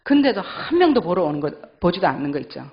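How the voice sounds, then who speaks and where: Animated Gyeongsang woman telling her testimony. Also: fairly low pitch, quick pace. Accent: Gyeongsang Korean. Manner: emotional storytelling, acting out her own past thoughts. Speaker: church elder giving testimony. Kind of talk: personal testimony in church. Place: church sanctuary. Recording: dull lo-fi church recording.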